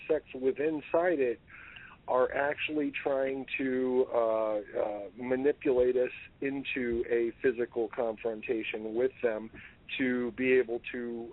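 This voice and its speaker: A male radio co-host chatting casually, talking in halting bursts with lots of restarts and fillers. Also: mid-range voice. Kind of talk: casual talk radio chat. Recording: tinny phone line.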